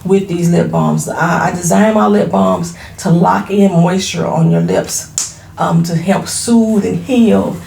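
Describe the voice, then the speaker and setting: Speaking slowly and steadily, a Florida small business owner in her forties talks frankly to camera at home, products lined up on shelves behind her, laughing easily and dropping casual slang. Her voice sits on the low side, creaky and mellow, in an echoey room with slight background noise.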